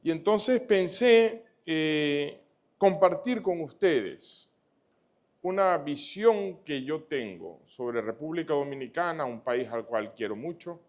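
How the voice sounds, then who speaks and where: A man from Venezuela giving a formal lecture as guest speaker, courteous and often pausing on "eh". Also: a little high, animated, darkish tone. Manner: courteous, with frequent "eh" hesitations. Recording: dull lo-fi sound.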